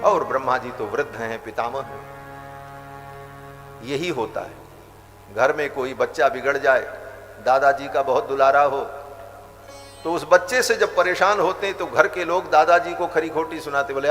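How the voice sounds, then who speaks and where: A male spiritual teacher giving a devotional storytelling discourse, animated and reciting scripture verses as he goes. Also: medium pitch. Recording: hall reverb with faint music.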